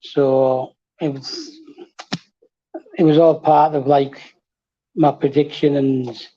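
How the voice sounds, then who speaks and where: Wry, relaxed man on a lo-fi line. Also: fairly high pitch, takes it slowly. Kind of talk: casual fan chat. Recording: dull lo-fi audio.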